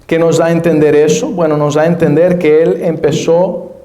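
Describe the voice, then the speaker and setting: A man preaching a sermon as pastor, explaining scripture slowly and spelling out names and words. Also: on the high side, level tone, dark tone. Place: church. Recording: echoey church room.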